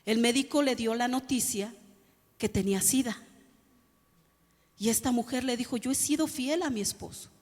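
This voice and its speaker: Pastora predicando con voz aguda. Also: female voice, fairly high pitch, moderate pace, long pauses, a little mellow, big-room sound. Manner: preaching, addresses the congregation as "iglesia", asks rhetorical questions. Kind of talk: sermon. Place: church hall.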